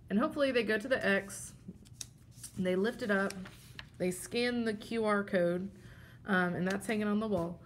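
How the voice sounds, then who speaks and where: Here a woman teacher presents a classroom game in a steady, plain walkthrough, holding up the props as she explains each step. Her voice is mid-range, with slight background noise.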